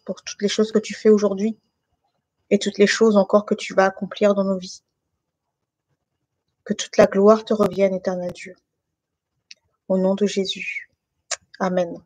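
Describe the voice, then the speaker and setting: Born in France to Guinean parents, a woman joins an online call from her living room as a guest, giving a casual faith testimony and leading a prayer. Her warm, mid-range voice stays fairly flat at a normal speed, full of pauses, fillers, restarts and hesitation, and the recording is dry.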